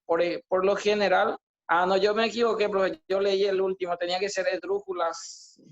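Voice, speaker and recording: High-voiced man student reading aloud. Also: little pitch movement, normal speed. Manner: reads aloud with stumbles and self-corrections. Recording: dull lo-fi online class audio.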